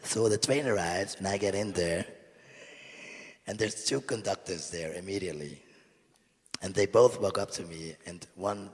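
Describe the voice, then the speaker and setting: A young man doing a stand-up comedy set on a club stage, telling stories in a casual, deadpan way with lots of fillers. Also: low-pitched, moderate pace, pauses often. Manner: casual, deadpan, chatty storytelling with many fillers. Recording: reverberant live venue.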